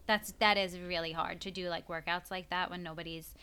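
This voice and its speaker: A young adult woman co-hosting a casual podcast as a nutrition coach, chatty and quick to laugh. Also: lowish voice, fairly even intonation, crowd noise. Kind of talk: casual chat.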